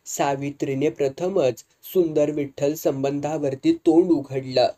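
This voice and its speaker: Mellow-voiced dramatic novel narrator. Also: medium pitch, fairly even intonation. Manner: measured dramatic storytelling. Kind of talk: serialized novel reading.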